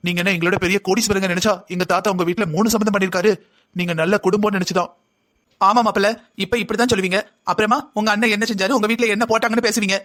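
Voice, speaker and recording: A man's voice: sits high, fairly even intonation, racing, fairly bright tone. A man voicing a family quarrel in a cartoon drama, talking in a heated, argumentative way. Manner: heated, argumentative back-and-forth. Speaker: cartoon voice actor playing a whole family.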